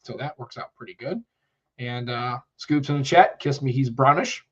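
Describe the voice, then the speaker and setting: An American man co-hosts a live tech podcast while a bit congested from a cold. His mid-range voice moves at a moderate pace as he rambles casually and reads out chat messages. The sound is lo-fi.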